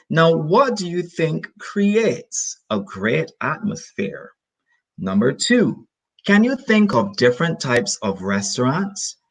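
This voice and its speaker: A man from Barbados, teaching an online English lesson over a video call and explaining slowly, with many repetitions and synonyms. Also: fairly high pitch, breathy edge, poor audio.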